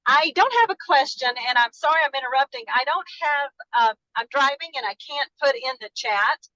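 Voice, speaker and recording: A notary with a Dallas, Texas accent calls in by phone from her car to a casual video chat, talking effusively and apologizing for interrupting. Her voice is high-pitched, brisk, bright, and forceful, and the recording is muffled with no room sound.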